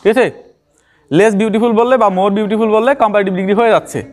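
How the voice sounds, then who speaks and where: Male teacher, high-pitched, patient step-by-step grammar explainer. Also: steady tone, fairly quick, a little mellow. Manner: explains step by step, repeats key terms and quizzes the viewer. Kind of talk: classroom-style grammar lesson.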